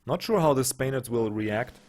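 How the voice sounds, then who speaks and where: A young man who isn't a native English speaker hosts a let's play, casually commenting on his strategy game as he plays, thinking aloud and joking with his units. His mid-range voice is animated and a little mellow, at a normal speed.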